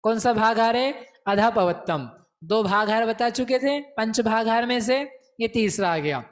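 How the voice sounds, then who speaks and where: Slow, playful teacher. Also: male voice, high voice, expressive. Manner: playful, coaxes class to repeat terms aloud; slow, deliberate explanation with rhetorical questions. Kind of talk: scripture lesson.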